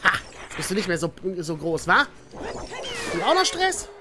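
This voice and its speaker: A woman's voice: lowish voice, sing-song, normal speed, very noisy. A woman commenting on her own video game play in a chatty way, talking to her viewers and cursing the enemies. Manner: chatty, addresses viewers as "ihr Lieben", mild swearing at enemies. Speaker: let's player.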